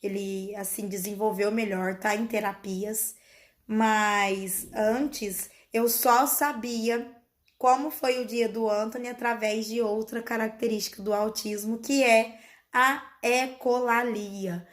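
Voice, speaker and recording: Earnest mother, higher voice. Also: steady tone, slow. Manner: earnest, explanatory, often calls out to her viewers. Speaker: mother sharing her child's story. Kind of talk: casual vlog storytelling to viewers.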